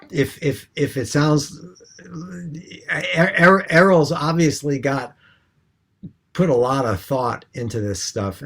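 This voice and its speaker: A man co-hosting a casual discussion, talking with many hesitant restarts and fillers. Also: mid-range voice. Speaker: co-host.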